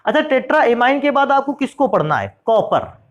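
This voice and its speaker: A man's voice: extremely high pitch, very animated, moderate pace, lo-fi sound. A man teaching chemistry who asks his students questions and answers them himself, calling them "beta" and "bhaiya" in a friendly classroom lecture.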